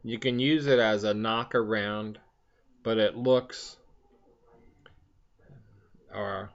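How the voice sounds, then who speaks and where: An older man chatting casually in a rambling, halting way, talking around the pipe he is puffing on. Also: fairly low pitch, fairly even intonation. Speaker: vlogger. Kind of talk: casual chat to camera. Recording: dull, lo-fi sound.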